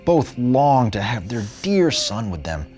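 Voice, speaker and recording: Animated man reading a storybook, swooping pitch. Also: faint music behind. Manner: theatrical, dramatic phrasing and pauses. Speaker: storybook reader. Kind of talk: expressive scripted storybook narration.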